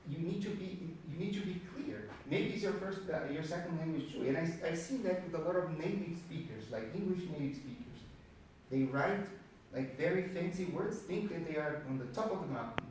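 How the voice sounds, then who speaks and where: This man from Brazil, Portuguese being his first language, talks expressively at a moderate pace in a somewhat high, slightly mellow voice with a Brazilian accent. His informal, conversational presentation to a live group at a career networking meetup features repeated words for emphasis. The indoor recording is very echoey, made with a distant mic, and carries faint noise.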